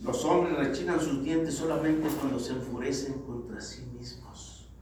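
A man preaching a sermon to the congregation, calling them brothers, swinging from loud exhortation to low, grave tones. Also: fairly even intonation, a little slow. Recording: very echoey hall, distant mic, faint noise.

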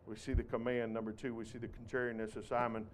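A man's voice: medium pitch, flat delivery, fast talker, a little hiss or hum. A man preaching a sermon as a traveling missionary, folksy and emphatic, with rhetorical questions to the congregation. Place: church.

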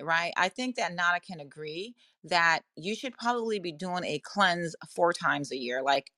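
A woman's voice: fairly low pitch, bright, forceful tone, no echo. A woman hosting an astrology podcast with traces of a Jamaican accent, talking casually and rambling through her points with many restarts. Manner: rambling, self-interrupting, conversational. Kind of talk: casual spoken talk to listeners.

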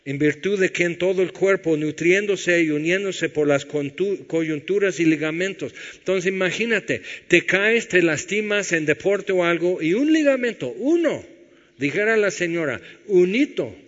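Pastor preaching, kinda high voice, lots of questions, muffled echoey hall sound. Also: male voice, animated, moderate pace, a bit bright. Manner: conversational preaching with rhetorical questions and acted-out quotes. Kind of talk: sermon. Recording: dull sound in a reverberant hall.

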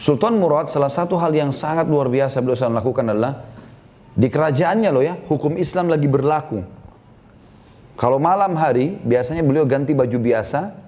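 A man's voice: fairly high pitch, fairly quick, mellow. A man preaching a sermon as a story, acting out the voices of the people in it and speaking directly to his listeners.

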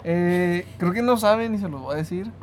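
A man's voice: high-pitched, over a noisy crowd. A young man with a Mexican accent, bantering playfully with friends on a podcast. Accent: Mexican Spanish. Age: young adult. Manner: playful, teasing, quick to agree. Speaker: podcast co-host. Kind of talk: casual chat.

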